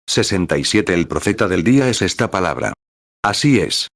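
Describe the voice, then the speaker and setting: A man with a fairly low voice reads a sermon aloud and calls out the paragraph numbers between passages. He keeps a steady preaching cadence. The recording is dry and close, with no room sound. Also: brisk, no echo. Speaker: reader of a translated sermon.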